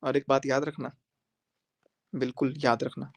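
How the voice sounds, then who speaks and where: On a live stream, a male social media creator addresses his viewers in a level, mid-range voice at a measured pace. He's confrontational and forceful, hammering his points through repetition.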